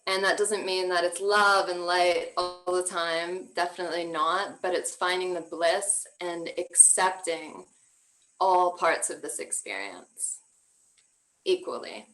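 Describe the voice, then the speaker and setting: Low-voiced woman leading a tantra talk. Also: low-quality recording. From Canada. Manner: gentle, flowing, with soft laughs and fillers. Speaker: tantra workshop teacher. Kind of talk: online workshop talk. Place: at home.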